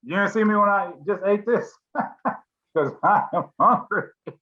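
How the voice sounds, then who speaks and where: A man's voice: high-pitched, normal speed. A middle-aged man hosting a group discussion on a video call, talking casually and rambling with many fillers and restarts. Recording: slightly dull lo-fi call audio.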